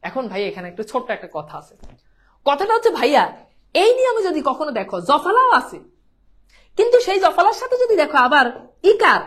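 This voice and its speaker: Lively, high-voiced woman teacher. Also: brisk, long pauses. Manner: repetitive, coaxing, keeps asking students if they understand. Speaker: Bangla teacher. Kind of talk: online pronunciation lesson.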